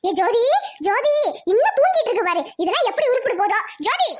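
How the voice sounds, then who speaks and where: A woman's voice: very high voice, big pitch swings, heavy background noise. Woman voicing a bossy village mother. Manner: brisk, scolding.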